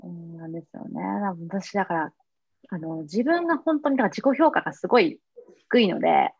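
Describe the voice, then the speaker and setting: Woman, podcast co-host, fast self-deprecating talk, dry muffled recording. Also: on the low side, lively intonation, dry recording. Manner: self-deprecating, frequent back-channel nods. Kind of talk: casual chat.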